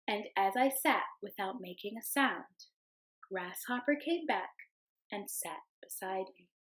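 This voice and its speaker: A little slow and expressive, a young woman reads a picture book to her class with medium pitch and a gentle storyteller's touch. She calls the animals in a sing-song tone.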